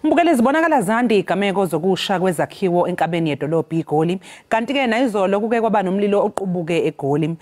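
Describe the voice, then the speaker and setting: A woman's voice: mid-range voice, lively intonation, fast, hardly any pauses, darkish tone. A woman with a Zulu accent presenting and interviewing on a broadcast morning news show.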